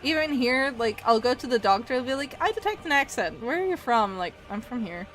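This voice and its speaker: Brisk and animated, a Scottish streamer from Edinburgh speaks in a slightly high, somewhat bright voice over background music. Her accent is mixed North American, leaning Canadian, and her chatter is casual and giggly.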